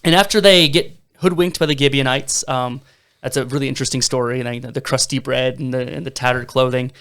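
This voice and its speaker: A man's voice: medium pitch, fairly even intonation, fairly quick, a bit bright, smooth. A young man in his twenties co-hosting a casual Bible discussion podcast, telling the story eagerly with some fillers. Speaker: podcast co-host.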